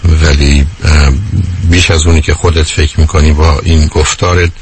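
Very deep, flat-voiced radio host. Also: male voice, slight background noise. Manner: gentle, reassuring, affectionate address. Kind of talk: live radio call-in talk.

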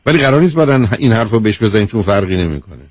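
A man's voice: fairly low pitch, lively intonation, no room sound. A man who is a doctor, hosting a call-in radio advice show, lecturing emphatically and repeating his key points. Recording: dull lo-fi radio broadcast.

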